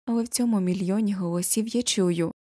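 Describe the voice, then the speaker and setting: A woman narrating a children's novel as an audiobook, expressive, lifting her voice for the quoted characters. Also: medium pitch, quick pace, no echo, clean studio sound.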